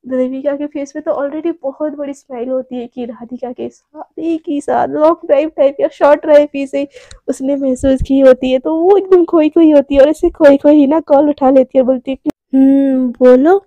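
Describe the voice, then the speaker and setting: A woman's voice: high-pitched, steady tone, normal speed, warm tone, dry recording, lo-fi sound. A woman narrating a serialized romance story in a casual, chatty way. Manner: conversational, chatty, uses filler words.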